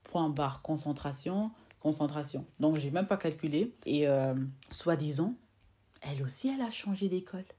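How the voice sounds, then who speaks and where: A woman's voice: low-pitched, normal speed. A woman in her twenties telling a personal story to camera in a casual storytime, acting out the exchanges she recounts and often restarting or repeating phrases. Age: 20s. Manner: animated, acts out quoted exchanges. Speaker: vlogger.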